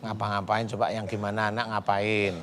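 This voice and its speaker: A male ustad speaks in a level, even tone with hardly any melody. He counsels briefly, then recites long Arabic prayers at a measured pace. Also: lowish voice.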